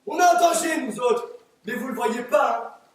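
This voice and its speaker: A teenage boy in an amateur stage play, acting a crude, hot-headed, bigoted male juror who rants and shouts. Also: very high-pitched, moderate pace. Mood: ranting. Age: teens. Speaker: student actor. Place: theatre stage, live performance. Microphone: distant room mic. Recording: echoey theatre from far off.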